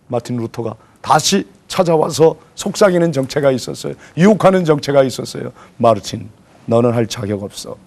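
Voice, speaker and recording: A man preaching a sermon lecture to a congregation, asking them questions and acting out voices as he tells stories. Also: a little high. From South Korea. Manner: animated preacher acting out voices, calls for audience replies. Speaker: pastor.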